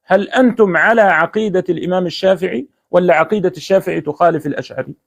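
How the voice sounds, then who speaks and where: Brief: Egyptian-accented man, high voice, rapid-fire, badgering his opponent. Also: creaky. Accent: Egyptian Arabic. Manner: insistent, repeats his question, taunting. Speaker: debater. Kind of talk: heated religious debate.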